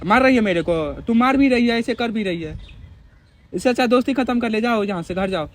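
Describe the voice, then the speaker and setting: A man's voice: very high voice, expressive, fairly quick, soft background music. A young man vlogging a prank, arguing casually and pushing others around with repeated commands. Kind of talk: heated casual argument.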